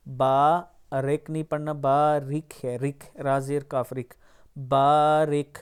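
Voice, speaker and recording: A man with a Pakistani Urdu accent teaching the pronunciation of a prayer, drawing each word out slowly, then explaining quickly. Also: mid-range voice, flat delivery, darkish tone, clear, resonant tone. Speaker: Quran recitation teacher. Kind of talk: pronunciation lesson.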